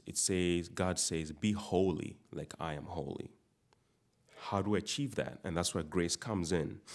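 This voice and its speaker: A man from Uganda preaching a sermon, repeating words and restarting phrases as he builds emphasis. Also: low voice.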